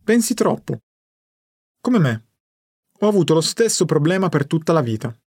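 A quiet elderly grandfather, voiced by a male audiobook reader, speaks in a low, controlled, nearly monotone way. The voice sits a little high for a man. It is recorded close and dry, with no room sound. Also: normal speed, slightly rough, dry recording, full character voice. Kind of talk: audiobook narration.

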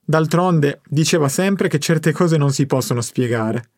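A quiet elderly grandfather, voiced by a male audiobook reader, speaks in a low, controlled, nearly monotone way. The voice sits a little high for a man. It is recorded close and dry, with no room sound. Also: a little slow, no room sound. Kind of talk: audiobook narration.

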